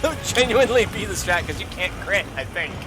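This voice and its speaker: A man streaming a co-op game with friends, chatting casually and quick to laugh and exclaim. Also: high-pitched, animated, background noise. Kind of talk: casual gaming chat. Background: game music.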